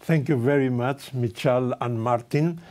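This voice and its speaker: Moderator: man, mid-pitched, slow and measured. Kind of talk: introducing speakers.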